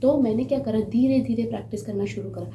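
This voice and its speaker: A woman's voice: fairly high pitch, fast talker, mellow, roomy sound, a little hiss or hum. A woman giving earnest relationship advice straight to her viewers, repeating her points and asking them questions. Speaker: relationship coach. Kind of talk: direct-to-camera advice talk.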